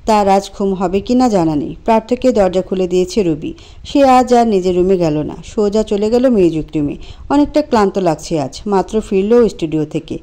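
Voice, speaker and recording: A woman narrating a sad romance story in a steady, emotive reading style. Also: medium pitch, moderate pace.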